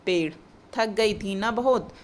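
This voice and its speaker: A woman reading as a gentle tree. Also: medium pitch, slow pace, slight background noise, close to an everyday voice. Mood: tender. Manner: read aloud plainly from the play. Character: gentle caring tree in a play.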